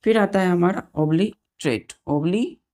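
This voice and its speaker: A woman's voice: on the low side, normal speed, a little mellow. Woman teaching vocabulary. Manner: spells words letter by letter and repeats meanings; asks the children questions and checks they follow. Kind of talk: vocabulary lesson for exam students.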